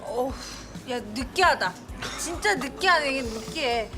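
A young college junior in a screen drama. Her voice is very high and animated, blunt and quick to exasperation, with music clearly audible underneath. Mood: playful, opinionated. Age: young adult.

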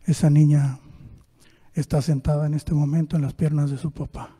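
A male pastor, telling a story in a sermon in a church, swinging between hushed and loud. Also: on the high side, flat delivery, moderate pace, breathy edge.

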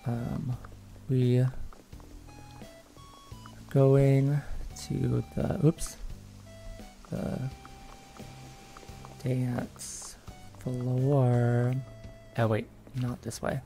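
Slow, bubbly young woman streamer. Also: rumbling low, level tone, dark tone, soft background music. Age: 20s. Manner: bubbly and giggly, with many little cheers. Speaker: livestreamer. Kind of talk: casual gameplay chat.

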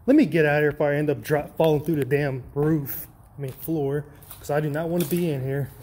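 A man's voice: on the high side, fairly even intonation, brisk, darkish tone, slightly rough. A man with a New Orleans accent exploring an abandoned building alone, talking to himself casually and cursing as he goes. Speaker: urban explorer vlogger. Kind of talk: solo exploring commentary, muttering to himself. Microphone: handheld or body camera. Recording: noisy camera audio.

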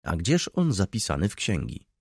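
Male reader as a dry, businesslike older judge; low, clipped. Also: wildly swooping pitch, normal speed, slightly rough, no room sound, heavily acted. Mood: questioning. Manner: terse, matter-of-fact.

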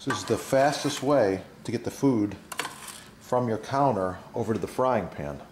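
A man's voice: fairly low pitch, moderate pace, a little mellow. A middle-aged man talks casually through a cooking demonstration in his home kitchen, chatty and enthusiastic, with frequent filler words. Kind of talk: casual cooking demo with product plugs. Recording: sizzling pan noise behind. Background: frying and sizzling in the pan.

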